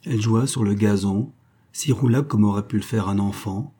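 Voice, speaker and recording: A man reading a classic novel aloud as an audiobook narrator, in a measured, even-paced manner. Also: fairly low pitch, husky.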